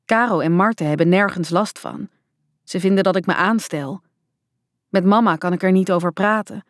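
A woman's voice: mid-range voice, normal speed, no room sound, clean studio sound. A woman reading a first-person youth novel aloud in a tense, introspective way. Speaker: audiobook narrator. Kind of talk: first-person scripted narration.

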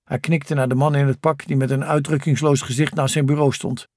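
A man's voice: medium pitch, level tone, a little fast, a little mellow, no room sound. Man narrating an audiobook, dry close sound. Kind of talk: scripted narration.

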